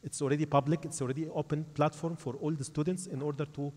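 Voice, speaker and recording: A man's voice: a little high, fairly even intonation, fast talker, a little mellow. A man giving an explanatory panel answer as a company representative, repeating and rephrasing his phrases. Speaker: corporate panelist speaking for a tech company. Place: large conference hall. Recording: echoey hall with long reverb.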